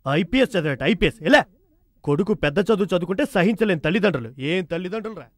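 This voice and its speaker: Rapid-fire joking uncle, voice leaping up and down, music under. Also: male voice, high-pitched. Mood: mocking. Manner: teasing, wisecracking, lively. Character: cheeky, meddling comic uncle. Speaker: comic relief. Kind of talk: film comedy dialogue.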